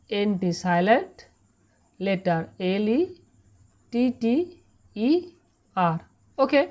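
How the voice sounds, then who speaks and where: Speaking with a Bengali accent and a slightly mellow, medium-pitched voice, a woman gives an online English pronunciation lesson. She spells letters out one by one and repeats every syllable slowly.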